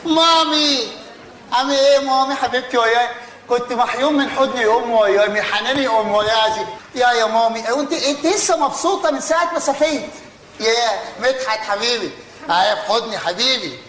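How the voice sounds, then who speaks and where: A man's voice: very high-pitched, fast, fairly bright tone, a little hiss or hum. Man playing a gushing young returning son. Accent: Egyptian Arabic. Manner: gushing and over-affectionate. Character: showy young Egyptian son back from Europe. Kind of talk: stage comedy acting. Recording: roomy stage sound.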